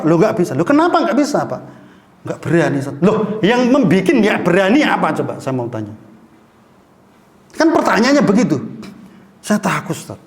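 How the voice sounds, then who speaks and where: A man with a Javanese accent preaching in a mosque, telling a story and putting questions to the congregation. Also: on the high side. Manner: lively, mixes in Javanese phrases, asks the congregation questions.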